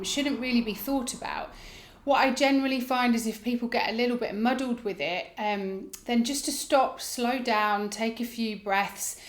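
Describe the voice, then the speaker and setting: A woman with a fairly high voice gives breathwork instruction in an informal, explanatory style. She guides gently, letting her phrases end softly. The recording is roomy, with a clear echo around her voice. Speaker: yoga breathwork teacher. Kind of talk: instructional demonstration, casual explaining. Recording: roomy, echoing indoor sound.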